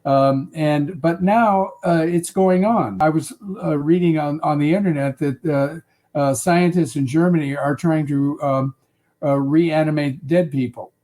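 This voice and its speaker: A man in his eighties answering interview questions in a halting way, full of filler sounds and restarts. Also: fairly high pitch, mellow. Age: 80s. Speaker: interview guest.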